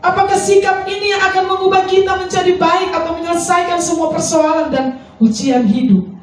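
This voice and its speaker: A woman's voice: very high-pitched, fairly even intonation, fairly quick, distant mic. A woman pastor preaching a sermon, telling a personal testimony with pleading, sometimes sing-song prayers. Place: large church hall. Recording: echoey church hall from afar, faint music.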